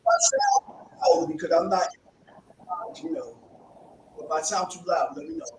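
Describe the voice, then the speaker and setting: New York man calling in on a breaking-up line, high and lively voice, distant and echoey with noise. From New York City. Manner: halting, keeps checking that he can be heard. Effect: breaking-up online call audio, fading in and out. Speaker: caller joining an online discussion. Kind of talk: casual discussion.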